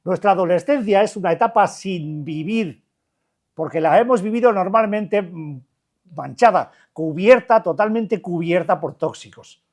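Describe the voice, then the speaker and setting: Older man, Basque Spanish accent, recovery-group speaker, blunt and colloquial, a bit high-pitched. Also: animated, unhurried. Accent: Spanish, Basque Country. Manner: colloquial and blunt, many restarts and rhetorical questions. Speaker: addiction recovery counselor. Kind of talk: informal talk to a recovery group.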